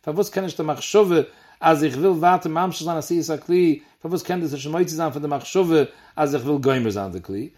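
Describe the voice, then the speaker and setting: A man's voice: a little high, a little fast, a little mellow. A man with a Yiddish accent teaching a Talmud lesson in a chanting study cadence. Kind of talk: Talmud lesson explaining a page.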